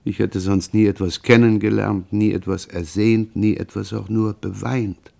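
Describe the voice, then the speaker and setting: A man reading the lines of a grieving, frightened mother in an audiobook, in a slow, mournful confessional manner. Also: on the low side, steady tone, creaky, warm tone.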